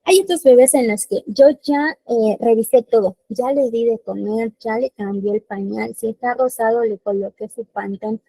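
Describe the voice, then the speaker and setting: A woman's voice: fairly high pitch, normal speed, creaky, few pauses, dark tone, dry recording, poor audio. A woman giving a webinar lecture on newborn care, explaining step by step and often checking in with listeners.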